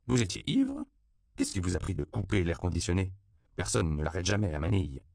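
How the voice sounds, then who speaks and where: A man's voice: sits low, sing-song, brisk, creaky, a little mellow, dry recording, clean studio sound, heavily acted. A man voicing a stern, haughty older aunt in an audiobook, scolding sharply.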